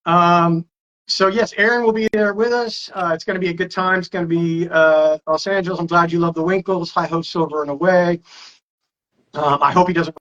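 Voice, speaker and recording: A man's voice: high-pitched, fairly even intonation, moderate pace, fairly bright tone, muffled recording. Man hosting a rambling live stream. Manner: rambling, reads viewer comments aloud. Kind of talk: casual live stream chat.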